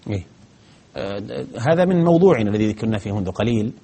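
A man's voice: fairly low pitch, animated, very fast, warm tone, slightly rough. A man teaching grammar on a broadcast lesson, answering viewer questions methodically, step by step, with frequent hesitations.

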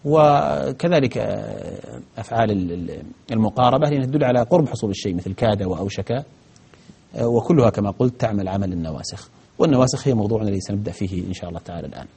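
A man's voice: fairly low pitch, lively intonation, very fast, creaky, dark tone, slightly rough. A man teaching grammar on a broadcast lesson, answering viewer questions methodically, step by step, with frequent hesitations.

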